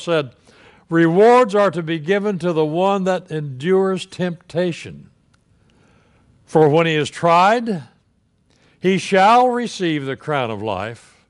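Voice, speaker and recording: An older man, a pastor, delivers his sermon very slowly and deliberately, leaning on pauses to drive points home. His voice is slightly high, and the pulpit microphone records him in the church sanctuary.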